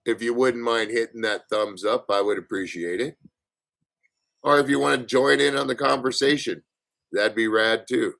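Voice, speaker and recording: A man's voice: medium pitch, moderate pace, creaky, fairly bright tone. A man hosting a casual livestream, chatting loosely with viewers, with plenty of fillers and restarts. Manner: rambling, chatty, playful with viewers. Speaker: livestream host.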